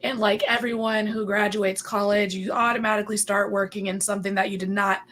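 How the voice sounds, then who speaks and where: A woman's voice: medium pitch, little pitch movement, brisk, a bit bright, a little hiss or hum. A woman dispatcher co-hosting a podcast, chatting casually and laughing between points. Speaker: 911 dispatcher and podcast co-host.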